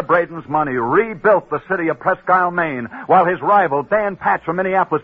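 Heard as a tinny vintage radio broadcast, a man whose voice is on the high side and slightly rough presents a sports story show, narrating tales and ads. His 1940s-style delivery is punchy and dramatic, with abrupt drops.

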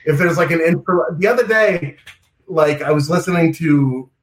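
A man with a New York accent talks in a loose, rambling way, full of fillers and restarts. His voice sits a little high. The room around him is noticeably echoey. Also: normal speed. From Oregon. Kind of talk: casual remote chat.

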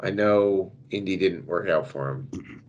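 A man co-hosting a podcast, chatting casually and quickly about fantasy racing picks, laughing easily. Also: sits low, highs cut off, a little hiss or hum. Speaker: podcast co-host. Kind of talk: casual sports betting chat.

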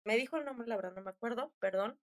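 A woman's voice: fairly high pitch, fast. A young woman with a Mexican Spanish accent, chatting casually and rambling through a story with slangy fillers.

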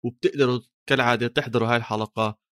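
A man's voice: medium pitch, steady tone, rapid-fire, a bit bright. A man with a Levantine Arabic accent co-hosting a football podcast in casual, colloquial, bantering chat.

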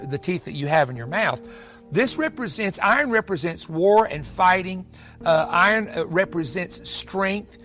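A man with a fairly high, somewhat bright voice preaches in a Bible-teaching style. He explains emphatically and restates his points along the way, partly speaking off the cuff.

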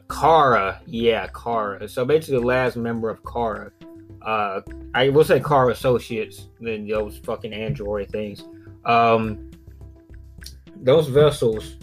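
A man with an Alabama Southern accent hosts a casual solo podcast. He rambles conversationally and swears freely at a middling pitch. Music plays behind his voice. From southern Alabama, United States. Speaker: podcast host.

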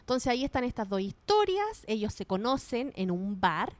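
A young woman with a Chilean accent reviews movies in a relaxed, chatty way, full of slang and quick asides. Her voice sits a little high. The sound is dry and close, with no room around it. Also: no room sound. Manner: chatty, lively, slangy, laughs often. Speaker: podcast co-host. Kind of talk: casual film review chat.

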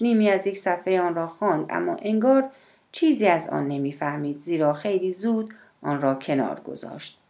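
A woman narrating an audiobook in a measured, steady storytelling manner. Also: low voice, gravelly.

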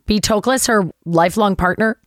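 A middle-aged woman recounts a story as a guest, lively and expressive, leaping high in pitch when she imitates other people. Her voice sits mid-range and sounds close and dry, with no room around it. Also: moderate pace, no room sound. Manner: animated, jumps high when acting out others' lines. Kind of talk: casual storytelling anecdote.

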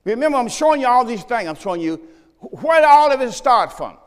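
Male pastor, high voice, sermon in a church with long reverb; swings from loud calls to quiet asides. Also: fairly quick. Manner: animated preaching with sudden shouts and low asides, talking to the congregation.

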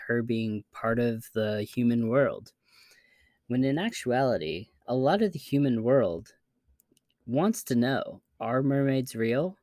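A man's voice: medium pitch, a little mellow, no echo. A man hosting a podcast, reading articles aloud in scripted narration. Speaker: podcast host.

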